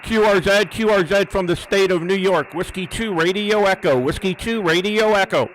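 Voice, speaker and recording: A man's voice: high voice, moderate pace, a bit bright, a little hiss or hum, rough recording. A man working as an amateur radio operator, making live contacts and antenna tests, repeating words and call signs methodically.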